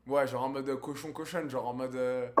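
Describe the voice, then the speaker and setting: A man's voice: medium pitch, steady tone, fairly quick, crowd noise. A man, chatting crudely on a live stream and teasing strangers on video calls. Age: 20s. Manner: crude, slangy, teasing, swears often.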